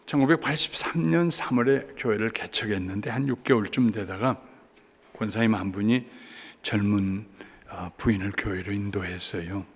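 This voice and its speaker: Gravelly old man preaching in reverb. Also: lowish voice, moderate pace. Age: 70s. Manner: swings between hushed asides and rising emphatic exhortation. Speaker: guest revival preacher, pastor. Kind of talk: revival sermon with a personal story. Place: church sanctuary, evening service. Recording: long church reverb.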